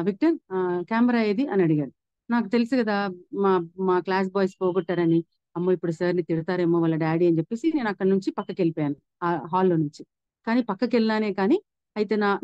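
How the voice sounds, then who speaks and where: Earnest fast-talking woman giving testimony. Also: medium pitch, dark tone, no room sound, highs cut off. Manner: earnest, reflective, many restarts and fillers. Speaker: speaker giving a personal faith testimony. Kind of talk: personal testimony storytelling.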